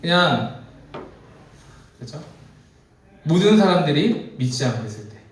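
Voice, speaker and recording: A man's voice: measured pace, distant mic. Korean male youth pastor in an echoey church. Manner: animated, acts out quotes with rising pitch and volume. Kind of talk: sermon to teenagers, storytelling. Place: church sanctuary. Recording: echoey hall, speaker off mic.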